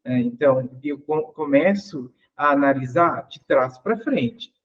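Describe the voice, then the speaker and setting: A man's voice: fairly high pitch, animated, measured pace, highs cut off. A man teaching English grammar in an online class. He explains patiently, asks the class questions and repeats each example.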